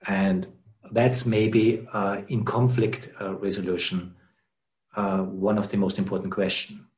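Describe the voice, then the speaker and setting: A man's voice: lowish voice, little pitch movement, measured pace, a little mellow, reverberant. A man interviewing, asking questions hesitantly and searching for his words.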